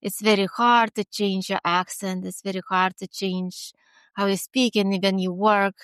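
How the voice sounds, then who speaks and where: A woman in her forties from Lithuania with a Lithuanian accent, a guest talking earnestly in a casual interview, in quick bursts with restarts. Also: mid-range voice, level tone, fairly bright tone, smooth, no echo. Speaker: guest, HR consultant.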